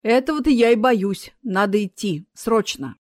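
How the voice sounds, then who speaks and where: A woman's voice: mid-range voice, expressive, normal speed, darkish tone, no room sound, clean studio sound, lightly acted. A woman voicing Death, a grumpy, menacing female boss who grumbles and threatens. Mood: grumbling.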